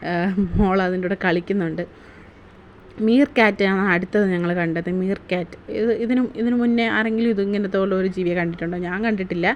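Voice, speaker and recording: A woman's voice: medium pitch, fairly even intonation, fairly quick, dull audio, a little hiss or hum. Chatty woman vlogger. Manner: chatty, asks viewers to comment. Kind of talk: casual voice-over narration.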